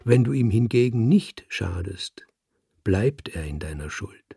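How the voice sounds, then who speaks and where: A man voicing a scheming male house cat who advises his master in a coaxing, insinuating way, with a husky, gravelly voice. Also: on the low side, lively intonation, unhurried, warm tone, no room sound, clean studio sound, heavily acted.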